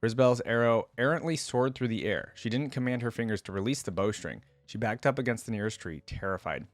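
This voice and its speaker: Reading a story for his game lore reaction video, a medium-pitched man speaks briskly and adds informal, slangy remarks along the way. Soft music plays in the background, and the audio has no echo.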